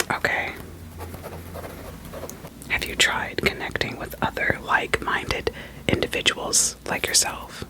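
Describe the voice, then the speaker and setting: This is a woman's whispered ASMR roleplay as a soothing therapist, with playful, gently probing questions and repeated short phrases. The audio quality is poor.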